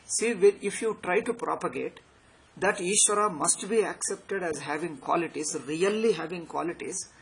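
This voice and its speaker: A man's voice: high-pitched, normal speed, gravelly, a little hiss or hum, rough recording. A man with a South Indian accent giving an extempore philosophy lecture as a spiritual teacher, speaking emphatically and repeating phrases to drive points home.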